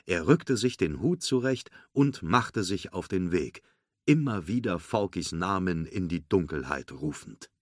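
A man narrating a storybook read-aloud in a steady, clear storytelling manner. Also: low voice, unhurried, no room sound, clean studio sound.

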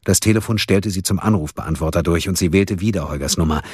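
Deep, husky male audiobook narrator. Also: fast, a little mellow, dry recording, studio quality. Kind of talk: scripted narration.

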